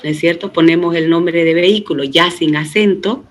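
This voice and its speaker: A middle-aged man with a fairly high voice delivers a recorded database lecture at normal speed, and the recording is rough. As a database teacher, he explains things patiently step by step, often checking in with students through tag questions. He fills pauses with "este" and frequently restarts words.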